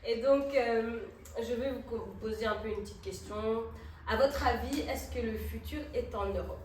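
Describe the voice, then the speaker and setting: A woman's voice: fairly high pitch, moderate pace, slight background noise. A woman in her twenties hosting a casual group chat, talking easily and mixing in English phrases. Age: 20s. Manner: chatty, mixes in English phrases. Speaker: host. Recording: roomy sound from a distant mic.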